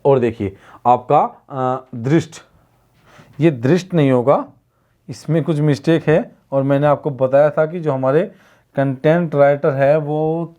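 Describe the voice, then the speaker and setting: A man's voice: on the high side, darkish tone. A man teaching an online exam-prep Hindi class, who keeps asking questions and repeating the answers so students can follow.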